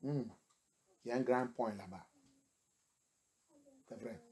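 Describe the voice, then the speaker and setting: A man's voice: medium pitch, takes it slowly. A male pastor preaching, who moves between English and French and fires rhetorical questions at the congregation. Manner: switches between English and French, rising to shouts. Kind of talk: sermon.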